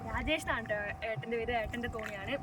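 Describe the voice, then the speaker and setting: A woman's voice: a little high, fast. A woman with a northern Kerala Malayali accent doing a casual, enthusiastic travel vlog outdoors, mixing English words into her Malayalam and addressing her viewers. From Wayanad, Kerala, India. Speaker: travel vlogger. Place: outdoors by backwaters, paddy fields and on a canoe. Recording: noisy outdoor recording with ambient sound.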